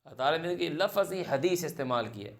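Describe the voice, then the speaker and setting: A man teaching a scripture lesson, reciting each verse slowly and then translating and repeating it phrase by phrase, stopping to quiz his students. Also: fairly high pitch, animated. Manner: asks the class questions and answers them himself. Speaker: Quran teacher.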